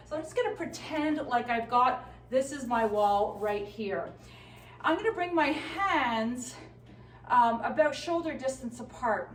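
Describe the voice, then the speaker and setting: A woman fitness instructor explaining exercise form step by step, encouraging and cueing body positions as she demonstrates. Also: sits high. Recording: roomy, distant mic, some noise.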